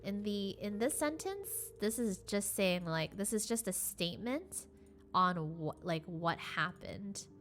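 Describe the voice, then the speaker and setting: A woman talks through a beginner lesson at her streaming desk in a loose, chatty way, stopping to restart her sentences. Her pitch sits in an ordinary middle range. Soft music and keyboard typing run faintly behind her. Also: animated, a little slow. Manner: chatty, explains with many fillers and restarts. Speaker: streamer teaching Korean. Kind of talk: casual live-streamed language lesson.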